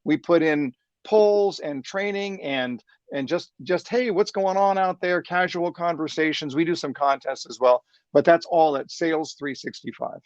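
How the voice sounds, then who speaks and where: A man's voice: fairly high pitch, moderate pace, hardly any pauses, no room sound, highs cut off. A man in his sixties, a sales trainer speaking as a guest, enthusiastic and motivational, often repeating words as he starts a thought. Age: 60s. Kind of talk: upbeat interview talk.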